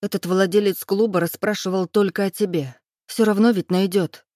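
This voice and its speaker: A woman's voice: mid-range voice, steady tone, moderate pace, warm tone, no echo, clean studio sound, natural voice. A woman voicing a stern, bossy young woman friend, insistent and pushing. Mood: grim. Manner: insistent, raised voice.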